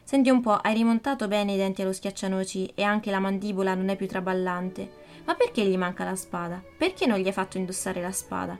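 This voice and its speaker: A woman voicing a cheeky, blunt young boy with loud, bright exclamations in a storybook reading. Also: mid-range voice, fairly quick, faint music behind, natural voice.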